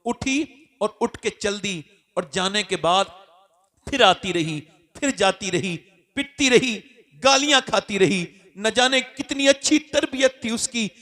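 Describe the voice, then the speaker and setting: A male preacher giving an emotional religious sermon in an impassioned, rhythmic delivery that builds to loud shouts. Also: high voice, a little slow.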